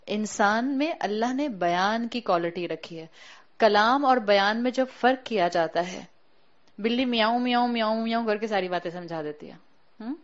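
A woman giving a religious lecture to a women's class as a Quran teacher, explaining patiently, slowing down to stress key words and mixing in English terms. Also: mid-range voice, muffled recording.

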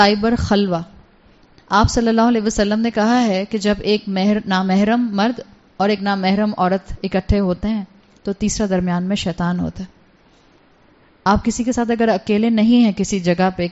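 Woman religious speaker, earnest and exhorting, mid-pitched voice, muffled lo-fi sound. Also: darkish tone. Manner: earnest, exhorting, mixes English words into her speech. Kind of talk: religious lecture with storytelling. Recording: dull lo-fi recording.

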